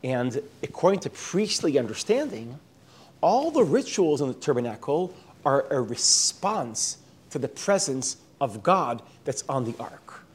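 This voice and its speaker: A man's voice: mid-range voice, sing-song, measured pace, husky. An Israeli man with an American-sounding accent, lecturing on a Bible book, often restarting words and mixing in Hebrew terms. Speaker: Bible teacher.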